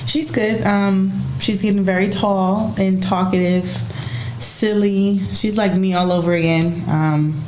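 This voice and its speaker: A woman in her early twenties chatting casually on a podcast, relaxed and full of fillers. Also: medium pitch, a little slow, a little hiss or hum. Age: 20s. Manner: relaxed, talks with many fillers and likes. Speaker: podcast guest. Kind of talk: casual chat. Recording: echoey room with music behind.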